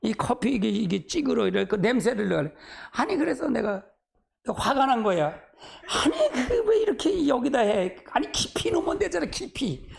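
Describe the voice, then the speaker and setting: A male pastor gives a homespun, conversational sermon with a gravelly edge to his voice. His pitch swings widely as he sighs, chuckles and asks the congregation to answer him. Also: sing-song, moderate pace. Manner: folksy and chatty, sighing and laughing often.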